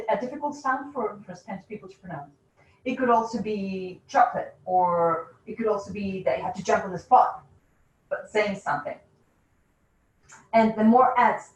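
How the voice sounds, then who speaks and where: A woman leading teachers through a classroom game, giving quick, instructive directions and laughing often. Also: mid-range voice, a little mellow. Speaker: teacher trainer. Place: classroom or training room. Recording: roomy, distant, dull classroom sound.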